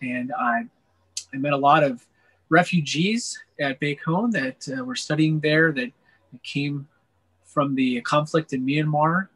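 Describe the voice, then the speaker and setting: A man from Wisconsin answering interview questions about his mission, earnest and steady with frequent "uh" fillers. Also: fairly high pitch, unhurried, poor audio. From Wisconsin, USA. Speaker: missionary guest.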